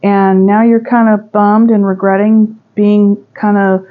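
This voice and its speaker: A woman's voice: mid-range voice, little pitch movement, measured pace, phone-quality sound. A woman giving a pick-a-pile tarot reading, musing and chatty with sudden emphatic bursts. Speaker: tarot reader.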